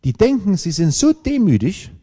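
A man preaching a sermon, emphatic and lively, with dramatic pauses. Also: high voice, husky. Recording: long hall reverb.

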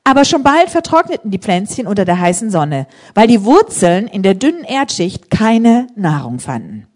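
A woman preaching a sermon in a church service, telling testimonies in an animated, emphatic way and rising to loud appeals. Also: medium pitch, normal speed.

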